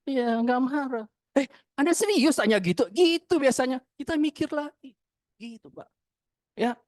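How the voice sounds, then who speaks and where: A man in his fifties from Indonesia gives a chatty, anecdotal tribute, jumping up in pitch as he acts out remembered dialogue. His voice sits a little high for a man. The recording is dry and close, with no room sound. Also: darkish tone, no echo. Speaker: speaker giving a testimony. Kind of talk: informal tribute talk.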